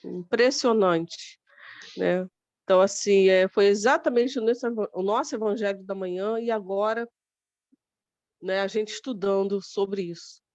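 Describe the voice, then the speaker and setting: A woman's voice: mid-range voice, moderate pace, a little mellow, no room sound. A woman in a study group recounting her day with emphatic exclamations over a video call. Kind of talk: casual group discussion. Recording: dry, dull call audio.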